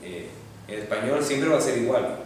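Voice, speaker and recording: A man's voice: mid-range voice, animated, normal speed. A man teaching a Hebrew grammar class, patiently explaining step by step and checking in with students. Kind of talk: classroom lecture. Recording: echoey classroom from far off, faint noise.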